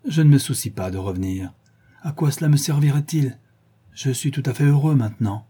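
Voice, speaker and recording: A man's voice: mid-range voice, fairly quick, warm tone, slightly rough, voice pushed up, close to an everyday voice. A man voicing a listless, indifferent young man lost to drugs, speaking with sighs in an audiobook. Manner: sighing, indifferent.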